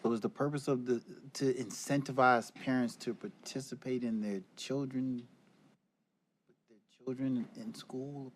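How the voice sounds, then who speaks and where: Male council member, middle-pitched voice, probing questions in a formal public meeting. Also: fairly even intonation, unhurried, low-quality recording.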